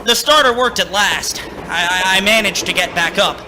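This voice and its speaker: A man acts the part of a young driver, haunted and anxious, in a staged radio play with music, narrating in first person. He stammers urgently and theatrically, though his high voice, moderate pace and near-everyday sound keep it grounded; the mood is brooding, with background noise present.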